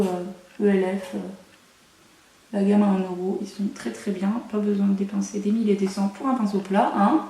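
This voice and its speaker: A woman's voice: medium pitch, dark tone, recorded from a distance, a little hiss or hum. A young woman chatting through a makeup tutorial at home, with playful, self-mocking asides. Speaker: beauty vlogger. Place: room at home. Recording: echoey room, mic set away.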